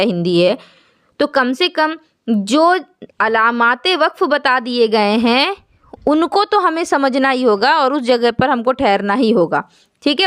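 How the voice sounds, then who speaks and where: A woman teaching an online Quran recitation class, explaining slowly and asking her students questions. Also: on the high side. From Jammu, India.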